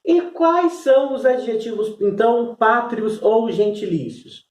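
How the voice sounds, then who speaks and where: A man's voice: very high-pitched, animated, unhurried, darkish tone, echoey room, far from the mic. A man teaching a class, explaining step by step and checking in with "né?" as he goes. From Brazil. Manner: explanatory, repeats "né?" and "então". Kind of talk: recorded class lesson.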